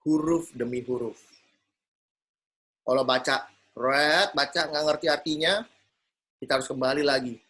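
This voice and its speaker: A man leading an informal Bible study lesson, telling stories, acting out conversations and asking rhetorical questions, recorded on a mobile phone. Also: on the high side. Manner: lively storytelling, acts out dialogues and asks rhetorical questions. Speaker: Bible teacher. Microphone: mobile phone stuck to a glass pane.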